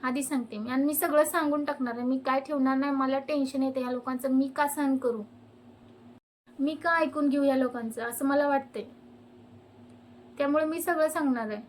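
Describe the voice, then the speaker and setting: A woman's voice: sits high, fairly even intonation, moderate pace. A young woman, venting her fed-up complaints about neighbours straight to her viewers as a vlogger. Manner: fed-up ranting. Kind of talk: complaining to camera.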